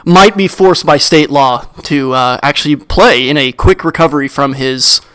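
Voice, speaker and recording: A young man as co-host and analyst, giving mock sports commentary in a dry, deadpan pundit tone. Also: on the high side, normal speed, clean tone.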